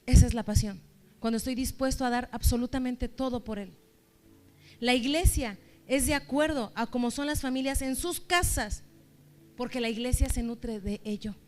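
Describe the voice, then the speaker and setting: A woman's voice: fairly high pitch, moderate pace, darkish tone, soft background music. A woman church leader preaching a sermon, exhorting her listeners with strings of rhetorical questions.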